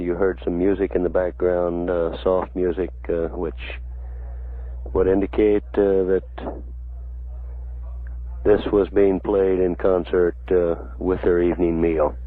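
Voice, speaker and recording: A man with a low, monotone voice announces a spaceflight from mission control. His delivery is official, measured and halting. The sound is a narrow, dry 1960s radio feed. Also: no echo. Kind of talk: live spaceflight commentary.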